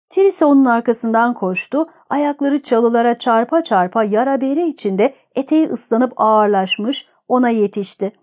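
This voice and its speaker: A woman narrating a novel in a steady, even reading. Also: a little high. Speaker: audiobook narrator.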